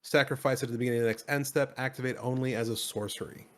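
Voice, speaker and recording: A man's voice: mid-range voice, steady tone, very fast. A man co-hosting a card game stream, chatting casually and reading out cards with enthusiasm and informal slang.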